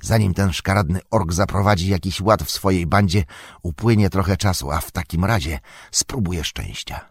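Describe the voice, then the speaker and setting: The quiet inner thoughts of a young, captive hobbit, desperate and resolved, murmured in a hushed tone from a fantasy audiobook, as a man puts him on. The voice is deep and husky, recorded close and dry. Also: moderate pace, no echo. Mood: hushed resolve.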